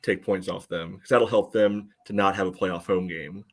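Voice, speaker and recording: In laid-back sports analysis chat on a soccer podcast he co-hosts, a man offers dry, wry commentary. He has a low voice with fairly even intonation and talks at normal speed.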